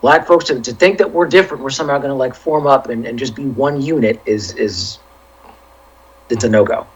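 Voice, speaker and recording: A man's voice: medium pitch, a little fast, husky, muffled recording. A man co-hosting a casual culture podcast, making his points emphatically and acting out little quoted asides. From Los Angeles area. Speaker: podcast co-host. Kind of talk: casual chat.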